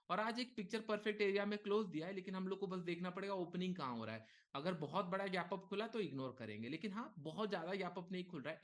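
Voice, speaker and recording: A man leading a live market lesson, talking casually and thinking aloud, with frequent okays and short pauses. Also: high voice, fairly bright tone. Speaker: trading instructor. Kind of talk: live market teaching session.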